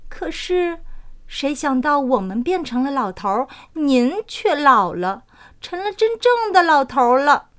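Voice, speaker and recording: A woman's voice: sits high, very animated, slow, a bit bright, exaggerated voice. A woman voicing a chirpy dandelion spirit. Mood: sad.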